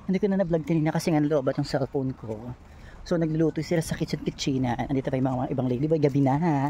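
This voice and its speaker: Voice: mid-range voice, racing, warm tone, a little hiss or hum. A vlogger with a Filipino accent, chatting through a casual travel vlog, playful and exclaiming, often out of breath.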